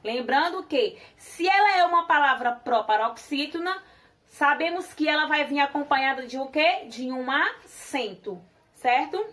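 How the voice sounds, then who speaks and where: A woman's voice: high voice, expressive, a bit bright. A woman teaching a children's class with a Brazilian Portuguese accent, asking the class questions and then answering them herself. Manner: says syllable drills slowly and deliberately. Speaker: primary school teacher.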